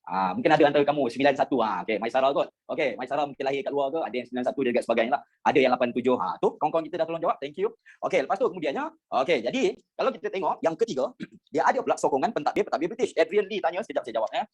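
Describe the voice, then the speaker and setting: Fast-talking Malaysian male teacher. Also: fairly high pitch, animated, breathy edge. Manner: quick, chatty, mixes English phrases, keeps checking understanding. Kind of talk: online history lesson.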